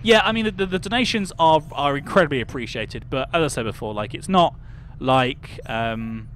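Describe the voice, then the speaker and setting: Streaming a game in casual chat, a young British man greets viewers by name and talks through his thoughts. His voice is a little high and slightly bright, at a moderate pace, with a little hiss or hum.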